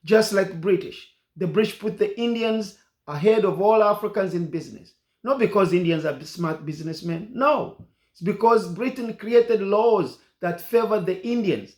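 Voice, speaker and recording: A man's voice: high voice, normal speed, darkish tone, echoey room. A man from Uganda giving an impassioned political monologue as a commentator, repeating and hammering his points.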